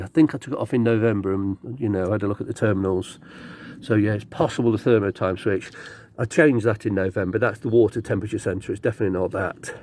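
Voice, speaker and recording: A man filming his own car repair on a cold morning, halting and stuttery from shivering, thinking aloud with many restarts. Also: lowish voice, a little mellow. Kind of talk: rambling hands-on car repair vlog.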